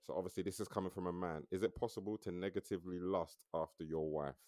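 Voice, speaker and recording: Casting: young male podcast co-host, London roadman accent, slangy and informal, rapid delivery, dry close sound. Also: deep voice, fairly even intonation, warm tone, dry recording. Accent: London, urban street slang. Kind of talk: casual chat.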